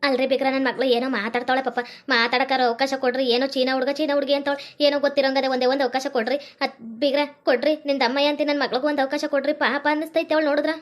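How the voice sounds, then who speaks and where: A woman's voice: high voice, little pitch movement, rapid-fire, few pauses, natural voice. A woman playing a worried middle-aged mother who pleads for her daughter, with a North Karnataka accent. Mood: imploring. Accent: North Karnataka Kannada. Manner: pleading, imploring.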